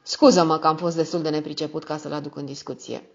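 Woman reading a soft-spoken, evasive young dandy, lo-fi. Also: low voice, fairly even intonation. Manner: soft, hesitant. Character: shy evasive well-dressed young man.

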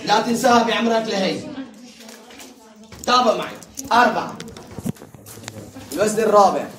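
Woman teacher, mid-pitched, drills patterns slowly, recorded from far off in a roomy class with pupils audible. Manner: drills word patterns slowly and repeats them; chatty, laughs with students. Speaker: Arabic teacher. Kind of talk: classroom lesson. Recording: roomy classroom sound from a distant mic, crowd behind.

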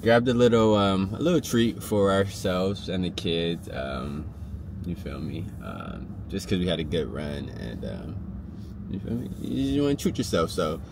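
Man, thirties, low voice, casual slangy vlog chat, laid-back, noisy handheld phone recording. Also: lively intonation, measured pace, vocal fry. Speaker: vlogger and father. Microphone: phone at arm's length.

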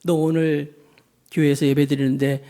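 Kind, calm Jesus figure in a sermon anecdote, quoted by a gravelly male preacher, soft and questioning. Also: on the high side, moderate pace, natural voice. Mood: gentle.

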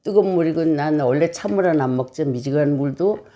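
An older woman chatting at home with her daughter, telling a story in an animated, quick-tempered way. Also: deep voice, noisy background. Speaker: mother. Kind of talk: casual chat.

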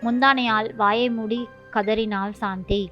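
A woman narrating a short story in a steady, even reading voice. The recording is dull and lo-fi, with faint music playing under her. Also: fairly high pitch, measured pace.

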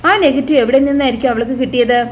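A woman's voice: high voice, fairly even intonation, very fast, a little hiss or hum, natural voice. A woman voicing a ruthless, scheming middle-aged villainess who plots murders, speaking coldly and menacingly. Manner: cold, menacing, plotting.

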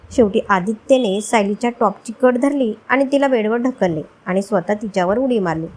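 A woman's voice: a little high, darkish tone. A woman narrating a romance story expressively, reading all the parts herself.

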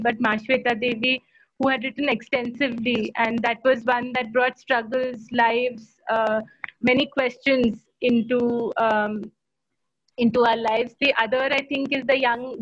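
An Indian woman in her thirties speaks in a fairly high voice, with many pauses, fillers and restarts. The audio comes through a laptop on a video call. It sounds dry and muffled. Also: no echo. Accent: Indian English. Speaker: panelist. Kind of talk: online panel discussion. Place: home room. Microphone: laptop webcam on a video call.

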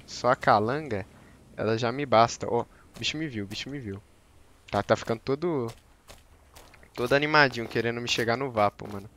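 A man's voice: mid-range voice, fairly bright tone, slight background noise. A man giving slangy, joking gameplay commentary on a live stream and teasing his chat. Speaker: game streamer.

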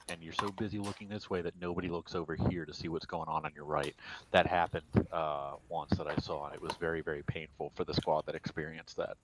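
Low-voiced man briefing over crackly radio. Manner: measured, instructive, repeats key points. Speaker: milsim unit leader giving notes. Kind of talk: briefing players in a military sim game.

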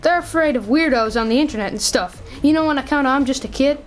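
A cocky twelve-year-old gamer boy, as a woman plays him, who needles and gloats in a high, bright voice. It is radio drama acting in a smug, teasing tone. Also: fast, lightly acted. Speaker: child character in audio drama.

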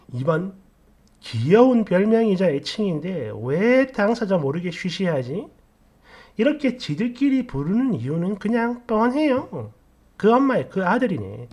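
High, animated male story narrator. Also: measured pace, slightly rough. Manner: blunt, sarcastic commentary. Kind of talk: story reading with commentary.

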